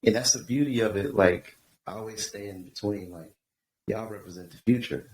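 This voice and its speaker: A man from Tucson, Arizona, a guest author, talking in a relaxed, reflective way on a podcast. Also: fairly low pitch, normal speed. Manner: reflective, easygoing, uses "you know" a lot. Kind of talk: casual podcast interview. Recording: echoey room with faint background noise.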